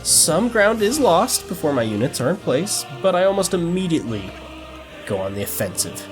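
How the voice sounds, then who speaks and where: A man's voice: a little high, very animated, normal speed, music in the background. A man narrating a strategy game campaign in a mock-dramatic storytelling tone, breaking it with dry joking asides.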